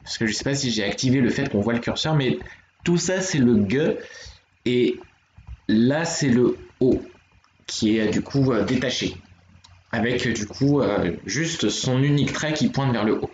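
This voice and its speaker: A man's voice: medium pitch, expressive, measured pace, darkish tone, a little hiss or hum. Patient man teaching on a live stream. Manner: patient, explanatory, talks to chat viewers. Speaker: streamer teaching Korean writing. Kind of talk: live-streamed language lesson. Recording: dull, roomy home stream audio.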